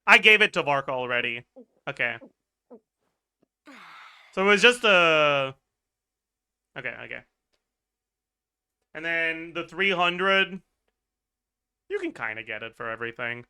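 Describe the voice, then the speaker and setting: Bright-voiced swearing game streamer man. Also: a little high, animated, measured pace, long pauses, clean tone. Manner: casual, swears, laughs, thinks aloud. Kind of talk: livestream game chat.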